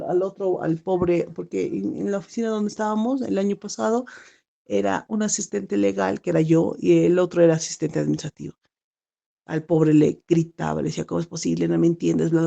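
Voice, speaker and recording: Gravelly-voiced woman teacher, mellow tone. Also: on the low side. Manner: rambling, with many fillers and restarts. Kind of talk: classroom talk.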